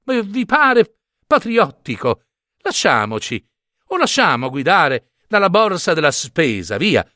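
A man's voice: on the high side, huge pitch swings, slow, bright, forceful tone, no echo, clean studio sound, full character voice. A man voicing a pompous male kettle, the kitchen's singer, disapproving of a foreign bird.

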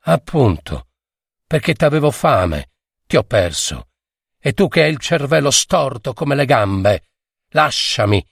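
A man's voice: medium pitch, very animated, slow pace, vocal fry, breathy edge, no room sound, studio quality, far from the mic, exaggerated voice. A man voicing a fierce, bitter peasant wife who speaks in a cutting, accusing way. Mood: scornful.

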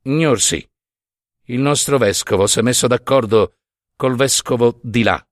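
A man's voice: mid-range voice, unhurried, dry recording, clean studio sound, close to an everyday voice. A man voicing a burly, mocking middle-aged overseer who talks down to an old man in a dramatized story reading. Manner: swaggering, sneering, condescending.

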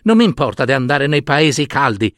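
A man's voice: medium pitch, sing-song, brisk, no room sound, studio quality, lightly acted. A man voicing small, stubborn stork chicks in a storybook reading, whiny and pleading.

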